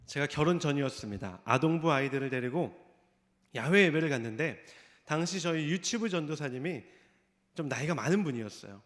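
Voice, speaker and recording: A man's voice: fairly high pitch, expressive, fairly quick, a bit bright. A man preaching a sermon, telling a story and acting out the voices of the people in it. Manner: storytelling, acts out quoted voices. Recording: long reverb of a church hall.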